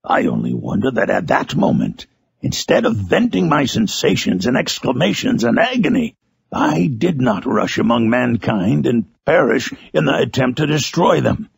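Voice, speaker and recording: A man voicing a vengeful, tormented outcast monster in a dramatic literary monologue, gravelly, husky and theatrical. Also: mid-range voice, very animated, no echo, exaggerated voice. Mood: brooding. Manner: slow, theatrical, brooding. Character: Frankenstein's monster, vengeful tormented outcast creature, brooding and menacing.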